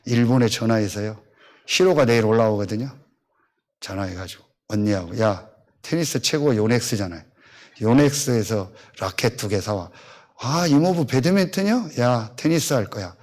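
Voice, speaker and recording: Animated man in his fifties, storytelling. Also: fairly low pitch. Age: 50s. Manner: animated storytelling, acting out both sides of conversations; blunt, colloquial. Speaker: pastor. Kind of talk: sermon with personal anecdote.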